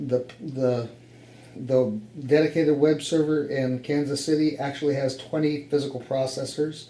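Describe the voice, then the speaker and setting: Indoors in his home office radio room, an amateur radio hobbyist with an American accent explains his equipment in a casual walkthrough. He speaks in a mid-range voice with a dark tone. The recording is roomy and echoey, with a faint hum of background noise.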